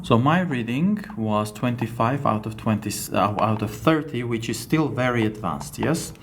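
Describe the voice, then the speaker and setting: An English teacher whose first language is Armenian talks through an on-screen test, his accent clearly Armenian. He takes his time, hesitates, and often asks "yes?" to check in. His voice is mid-range and expressive, with noise in the background.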